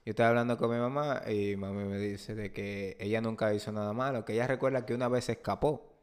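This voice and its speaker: A man's voice: fairly low pitch, steady tone, quick pace. A man co-hosting a podcast, teasing and laughing in casual chat. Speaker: podcast co-host.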